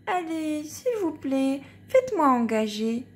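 A woman's voice: big pitch swings, slow, heavily acted. A woman doing an eager little trumpet girl. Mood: pleading. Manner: high, eager and pleading. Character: small eager young female trumpet.

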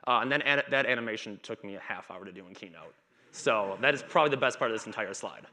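This conference speaker, a man in his thirties, has a lowish, animated voice that moves at a quick pace with a sharp tone, though the audio quality is poor. He chats casually from a dark stage in a conference hall, with stutters, repetitions and blocks.

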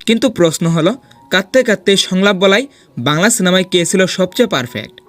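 Guy doing a dramatic countdown voiceover, high voice, talks fast. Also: fairly bright tone, soft background music. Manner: dramatic, persuasive countdown delivery. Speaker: host of a film ranking video. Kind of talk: scripted voice-over narration.

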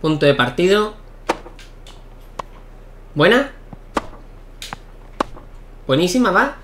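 A young man giving excitable live commentary while playing a tennis video game, shouting at key points. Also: high voice, drawn-out words, background noise. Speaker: gaming YouTuber.

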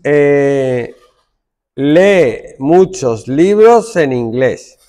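A man's voice: mid-range voice, animated, extremely slow, warm tone. A male computing teacher demonstrating code to a class, thinking aloud as he works and making stern asides to his students.

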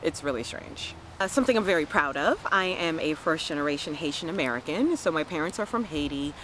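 A woman's voice: sits low, brisk, a little hiss or hum, poor audio. A woman in her forties from the Washington, D.C. area, chatting playfully to camera outdoors and laughing often. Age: 40s. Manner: playful, laughs often, lively self-mocking asides. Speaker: vlogger. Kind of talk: casual chat to camera. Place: outdoors on a lawn by trees. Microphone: camera mic at close range.

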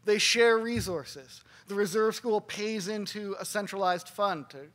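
Bright high-voiced man telling a story. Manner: earnest storyteller with pauses for emphasis. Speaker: keynote speaker. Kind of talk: storytelling keynote talk. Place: conference gathering.

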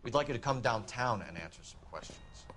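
An actor playing an earnest young American 1940s beat cop, firm and commanding, in a period video game. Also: male voice, mid-range voice, animated, brisk, fairly bright tone, slight background noise, close to an everyday voice. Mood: stern.

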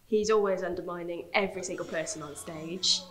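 A woman's voice: fairly low pitch, a little fast, fairly bright tone, poor audio. A young woman, a student performer speaking emphatically in an interview. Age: young adult. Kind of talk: on-camera interview. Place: indoors on a theatre stage set.

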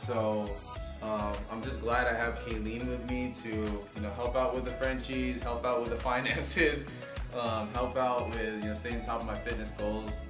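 A young man raised in Los Angeles, chatting casually in a vlog with a relaxed, rambling manner full of fillers. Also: medium pitch, normal speed. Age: young adult. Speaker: vlogger, aspiring fitness coach. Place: living room indoors. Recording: roomy and distant with music.

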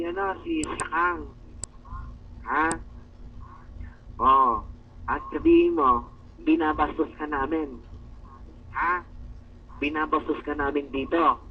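Indoors, a Filipino man whose voice sits on the high side teases his coworkers, growling "arr" mockingly over and over and laughing often. The recording is distant, dull and lo-fi, with a little hiss or hum.

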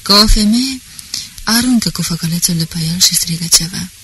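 An audiobook narrator reading a classic novel in a steady, measured way. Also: medium pitch, slight background noise, low-quality recording. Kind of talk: scripted literary narration.

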